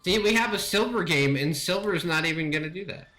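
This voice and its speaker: A man's voice: sits high, lively intonation, fast talker, sharp tone, faint music behind. A man hosting a gaming podcast in casual chat, enthusiastic and exclamatory as he runs through his picks. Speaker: podcast host.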